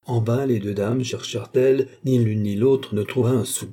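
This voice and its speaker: Very dark-voiced male narrator. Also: medium pitch, slightly rough. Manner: measured, even storytelling. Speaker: audiobook narrator. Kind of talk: scripted narration.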